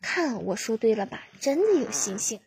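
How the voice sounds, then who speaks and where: A woman voicing a curious, polite young chick, eager and wide-eyed, in a breathy voice. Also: on the high side, very animated, normal speed, a little mellow, full character voice. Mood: amazed. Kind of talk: storybook reading.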